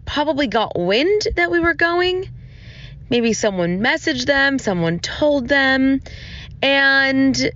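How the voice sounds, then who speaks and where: A woman's voice: fairly high pitch, fairly bright tone, lo-fi sound. A woman hosting a casual, chatty solo podcast in an informal, rambling, giggly way, recorded on a phone voice recorder like a dictaphone. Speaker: podcast host.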